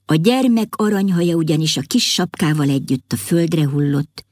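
A woman reading a fairy tale aloud in an expressive storybook style. Her voice is low, with a lively, wide-ranging melody, recorded close and dry with no room sound. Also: no room sound. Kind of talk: storybook narration.

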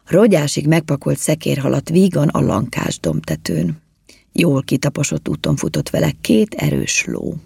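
Low, husky woman reading a storybook. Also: dry recording, studio quality. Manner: lively and expressive. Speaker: narrator.

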